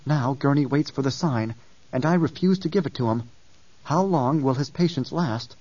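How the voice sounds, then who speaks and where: A man voicing a weak, dreamy young visionary who speaks slowly and softly. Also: medium pitch, no room sound, natural voice. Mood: yearning. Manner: slow, hushed, yearning. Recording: dull distant dry recording.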